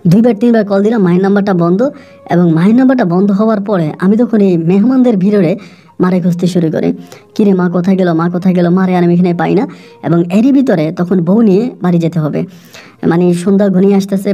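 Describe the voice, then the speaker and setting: A woman's voice: lowish voice, dark tone, highs cut off. A woman telling an emotional true story in the first person, in a conversational way and with many fillers.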